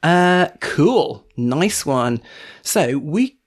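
A man's voice: on the high side, big pitch swings, extremely slow. A man co-hosting a podcast in casual chat, with an understated, slightly hesitant, teasing manner. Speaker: podcast co-host.

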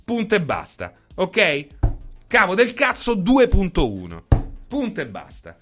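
A man rants through a casual livestream with an emphatic, repetitive delivery and plenty of swearing. His voice sits a bit high for a man and sounds bright and forceful. Faint music runs quietly underneath. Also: huge pitch swings, unhurried. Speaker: streamer.

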